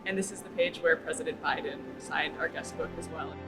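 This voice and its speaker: A guide calmly explaining a historic guest book on a tour. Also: medium pitch, a little fast. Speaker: garden guide. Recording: roomy echo, distant mic, music under.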